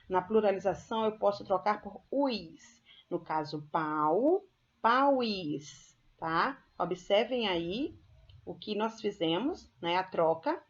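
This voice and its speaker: A woman's voice: mid-range voice, lo-fi sound. A woman teacher with a Brazilian Portuguese accent giving a recorded grammar lesson, patiently explaining step by step and checking in with her students as she goes.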